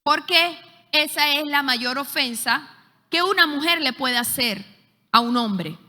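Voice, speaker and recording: A woman's voice: high-pitched, unhurried. A woman, teaching at a church leadership school and telling stories with frequent hesitations. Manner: lively storyteller, frequent hesitations. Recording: echoey hall.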